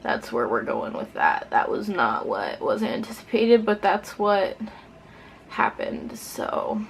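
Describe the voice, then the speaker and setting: A woman's voice: lowish voice, wildly swooping pitch, slow pace, creaky, a little hiss or hum. Giggly drunk woman doing a makeup tutorial. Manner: playful, self-deprecating, swearing. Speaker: beauty vlogger presenting a makeup tutorial. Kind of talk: casual makeup tutorial chat to viewers.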